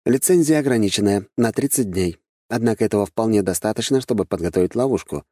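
A dutiful male servant reporting to his master, respectful and businesslike, as a male audiobook narrator voices him. The tone stays low and dark, recorded close and dry. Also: animated, fast, dry recording. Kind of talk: audiobook character voice.

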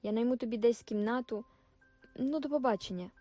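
A woman's voice: fairly high pitch, brisk, mellow, faint music behind, close to an everyday voice. A woman reading the lines of a brash, dismissive young male soldier, curt and commanding. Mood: hurried.

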